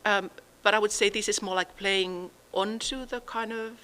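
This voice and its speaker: Bright, forceful woman lecturing. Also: mid-range voice, fairly even intonation, moderate pace. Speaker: lecturer presenting own book research. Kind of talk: academic talk, partly improvised.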